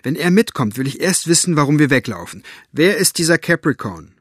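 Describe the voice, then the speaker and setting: A man voicing an angry, stubborn young girl who shouts her demands in a high, strained voice. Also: expressive, fairly quick, no room sound, studio quality, natural voice. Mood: angry, demanding.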